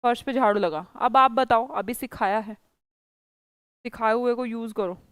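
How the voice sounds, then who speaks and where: A woman's voice: on the high side, moderate pace, fairly bright tone, clear, resonant tone, no echo. A woman teaching a spoken English class, coaxing students and quizzing them by repeating phrases.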